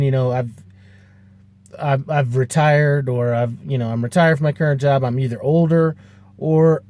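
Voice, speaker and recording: A man in his fifties who drives trucks gives a loose, rambling vlog chat to camera, packed with fillers and false starts. His voice is a little high but dark in tone.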